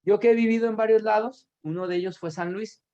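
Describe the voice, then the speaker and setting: A man's voice: high voice, steady tone, fairly quick, mellow. A man with a Mexican accent giving an academic lecture over videoconference, explaining at length with tag questions and self-corrections. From Aguascalientes, Mexico. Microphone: video call. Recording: dull lo-fi video call audio.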